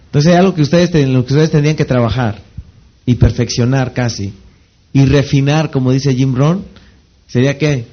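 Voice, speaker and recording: A network marketing trainer with a Mexican Spanish accent delivers a motivational seminar talk, firing off rhetorical questions and pausing so the audience can finish his sentences. His voice is a little high, and the recording is muffled.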